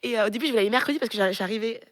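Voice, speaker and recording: A young Frenchwoman, pastor and co-host, telling a story in a lively casual way and acting out the voices of people she quotes. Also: fairly high pitch, racing. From France. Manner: lively, animated retelling with quoted voices and laughter.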